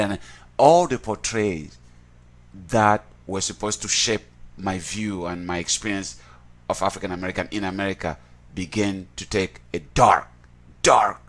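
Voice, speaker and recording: A man's voice: fairly low pitch, fairly bright tone. A man from Cameroon, telling his own story in an interview in an earnest way, often repeating words and restarting. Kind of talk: reflective personal account.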